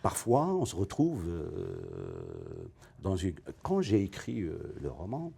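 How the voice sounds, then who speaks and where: A male novelist, originally from Africa, answering questions in a television interview, thinking aloud and searching for his words, with many pauses. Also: low voice, huge pitch swings, vocal fry, warm tone, breathy edge. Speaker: novelist guest. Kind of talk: TV interview, reflective.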